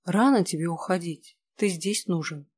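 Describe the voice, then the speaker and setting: A narrator voicing a kind old man, a healer who talks quietly and soothingly. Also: mid-range voice, moderate pace, slightly rough, natural voice. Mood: gentle. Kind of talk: audiobook character voice.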